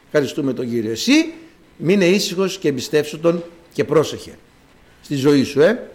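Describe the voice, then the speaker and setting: A man's voice: on the high side, sing-song. A man preaching a sermon to his congregation, dramatic and full of rhetorical questions.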